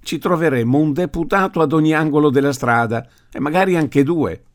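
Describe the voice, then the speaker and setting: A man's voice: a little high, a little fast, voice pushed up, close to an everyday voice. A man voicing a sensible father in an audiobook reading, dry and firm.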